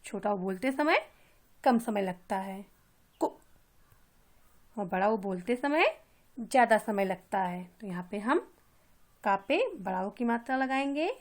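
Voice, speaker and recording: A woman's voice: mid-range voice, lively intonation, measured pace, pauses often. A woman teaching young children, patiently repeating and drawing out each sound step by step. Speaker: kindergarten teacher. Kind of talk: slow step-by-step Hindi lesson for young children.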